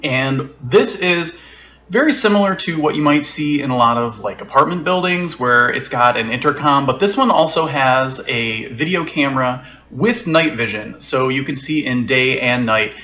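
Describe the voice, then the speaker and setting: A man reviews a tech product from home in a casual, unscripted way, sounding relaxed and full of fillers and restarts. His voice is medium-pitched at a moderate pace, and the recording has its highs cut off.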